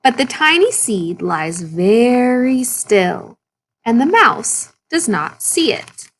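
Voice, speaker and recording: A woman reading a children's picture book aloud in an expressive storytelling manner for young listeners. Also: on the high side, slow pace. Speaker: story reader.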